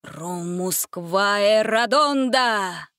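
A man's voice: high-pitched, very slow, bright, forceful tone, clean tone, dry recording, clean studio sound, full character voice. A woman voicing a mysterious, scheming male wizard in a hooded cloak in a storybook reading, with ringing incantations. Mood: commanding.

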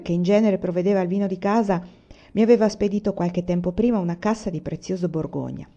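A woman reading a novel aloud as an audiobook narrator, calm and measured, in a lo-fi recording. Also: mid-range voice. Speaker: reader.

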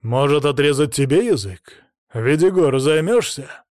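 A man voicing a stern, cold tsar in an audiobook, speaking in a slow, icy, commanding way. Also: on the high side, expressive, darkish tone, no room sound, studio quality. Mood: menacing. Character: stern cold tsar, father threatening harsh punishment. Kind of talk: audiobook character acting.

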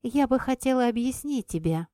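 A spirited young heroine with a quick, stubborn temper, her voice lifted above the reading tone, played by a woman narrator. She insists and argues in bright, emphatic bursts. The audiobook recording is dry and close. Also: expressive, no echo, natural voice. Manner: emphatic, higher and livelier than the narration. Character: impulsive, sharp-tongued young woman heroine. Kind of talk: audiobook character voicing.

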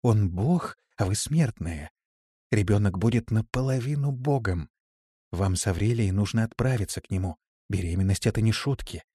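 A man voicing a warm, devoted female servant in an audiobook, speaking gently and reassuringly. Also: on the low side, animated, moderate pace, slightly rough, no echo, studio quality. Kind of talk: audiobook character voice.

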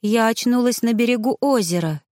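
A woman's voice: brisk, darkish tone, dry recording, studio quality, natural voice. A woman voicing the bewildered ghost of a drowned young woman, timid and unsure. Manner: timid, bewildered, high-pitched.

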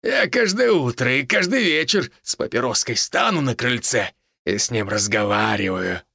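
A man's voice: medium pitch, lively intonation, normal speed, vocal fry, sharp tone, breathy edge, no echo, clean studio sound, full character voice. A man voicing a gloating old village murderer who drawls and chuckles, in an audiobook reading.

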